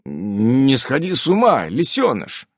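Мужчина-чтец за уверенного, хвастливого мужчину. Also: male voice, medium pitch, wildly swooping pitch, slow pace, no room sound, studio quality, heavily acted. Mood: reassuring. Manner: reassuring, slightly boastful. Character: calm, boastful middle-aged man, reassuring.

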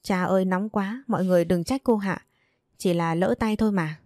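A woman narrator playing a scheming young woman with a sugary, ingratiating way of talking. The voice is mellow and dark, heard close in a dry recording. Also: mid-range voice, normal speed, no room sound, natural voice. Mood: pained. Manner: sweet-talking, false concern.

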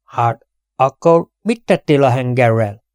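A man voicing a nervous young prince in uniform who hisses polite threats slowly in an audiobook reading. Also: mid-range voice, lively intonation, darkish tone, clear, resonant tone, no echo, studio quality, natural voice. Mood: irritated, hissing. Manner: slow, hissing threats.

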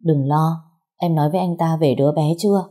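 A woman's voice: low voice, brisk, dark tone. A woman voicing a worried but firm older sister who shields her younger sibling.

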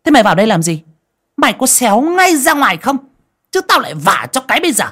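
A man doing a shrill, cruel village woman. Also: very animated, fast talker, full character voice. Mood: scolding. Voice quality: loud, shrill, nagging.

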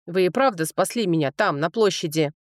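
A woman's voice: fairly low pitch, lively intonation, brisk, no room sound, clean studio sound, close to an everyday voice. A woman reading an audiobook, voicing an easygoing, wry young male miner. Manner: offhand, wry.

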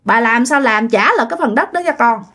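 An indignant young village wife protesting loudly and pleading for what is hers, as a woman storyteller acts her out. The voice stays high and exclaiming. Part of a spoken ghost story. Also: animated, brisk. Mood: upset.

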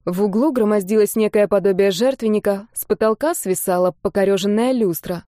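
A woman narrating a first-person fantasy audiobook in a steady, expressive reading. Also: medium pitch, brisk, no echo, studio quality.

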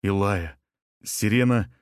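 A man's voice: fairly low pitch, takes it slowly, smooth, no echo, studio quality. A man reading an audiobook, voicing a shaken police detective who speaks firmly and urgently. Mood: urgent firmness.

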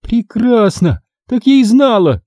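Man putting on a shrill panicky young girl. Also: very animated, measured pace, no room sound, clean studio sound, full character voice. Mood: alarmed. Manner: shrill, agitated shouting. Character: frightened bossy young girl, quick to panic.

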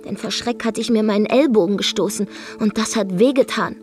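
An actress narrates a radio drama monologue in the first person, playing a brash, defiant young woman from Zeeland with a dry, wry storytelling manner. Her medium-pitched, natural voice moves a little fast over faint background music.

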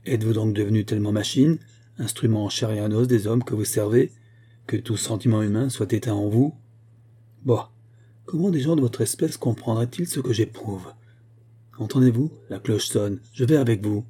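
A hard, scornful man with a curt, mocking way of speaking, played by a male reader. His low, dark and husky voice gives orders as if owed something. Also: moderate pace. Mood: bitter. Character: bitter, scornful middle-aged man, hard and commanding.

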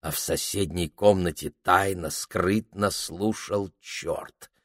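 A man narrating a novel as an audiobook reader, in a measured, unhurried way. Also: low-pitched, fairly even intonation, no echo, studio quality. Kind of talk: scripted literary narration.

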